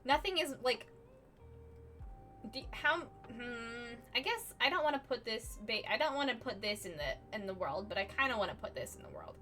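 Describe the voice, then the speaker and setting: This woman has a fairly high, sharp-toned voice and speaks animatedly at a moderate pace, with soft music behind her. She's a streamer on her couch at home, casually chatting as she draws live, rambling, self-deprecating and saying "like" a lot.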